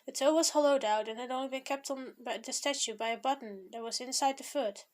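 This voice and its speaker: Woman, fan fiction reader, reading a story aloud, occasional stumbles, somewhat high voice. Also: a little fast. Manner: reads with occasional stumbles and restarts. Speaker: fanfiction reader.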